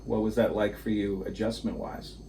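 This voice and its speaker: A man hosting an interview podcast, asking friendly, halting questions. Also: on the low side, little pitch movement, warm tone, far from the mic, soft background music. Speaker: podcast host.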